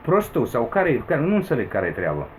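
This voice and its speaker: Romanian man in his 40s, vlogging a heated grievance, voice leaping high on outbursts, faint background hiss. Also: huge pitch swings, low-quality recording. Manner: agitated, with emphatic high-pitched outbursts. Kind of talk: rambling personal complaint to camera. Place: home in the Philippines.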